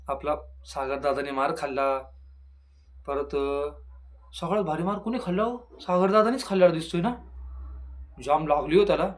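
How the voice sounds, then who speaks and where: A man giving a casual spoken review of a reality show, playful and chatty, with jingly rhyming filler words, often talking straight to the contestants. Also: high voice.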